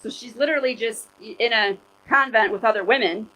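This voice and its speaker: A middle-aged woman pastor giving a sermon in church, conversational and animated, telling personal stories to make her points. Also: a little high, fairly quick, low-quality recording.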